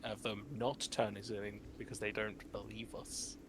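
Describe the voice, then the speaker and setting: A man's voice: lowish voice, flat delivery, moderate pace, a little hiss or hum. A man talking casually and tentatively as a player in a tabletop game.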